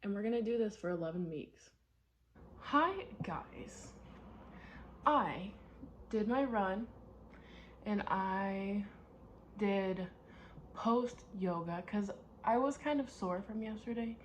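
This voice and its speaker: A woman's voice: medium pitch, takes it slowly, pauses often, a little hiss or hum. A woman talking casually in a personal vlog, candid and rambling, often repeating herself for emphasis. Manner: candid, rambling, with frequent repetition. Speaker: vlogger.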